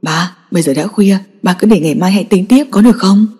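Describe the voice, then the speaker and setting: A woman voicing a caring young man who speaks softly to calm the family. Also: mid-range voice, quick pace, husky, pitched below the performer's own voice, natural voice. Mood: soothing. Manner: soft, soothing. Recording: long echoing reverb.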